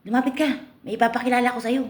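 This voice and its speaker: A woman voicing a loud, pushy street hustler who hollers sales pitches in a joke. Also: fairly even intonation, racing, lightly acted. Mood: wheedling.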